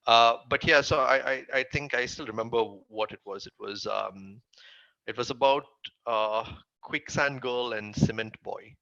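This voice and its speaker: A man's voice: mid-range voice, measured pace, creaky, sharp tone, no echo, highs cut off. A man with a Tamil accent giving casual interview answers as a guest, recounting his work. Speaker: interview guest, comic writer.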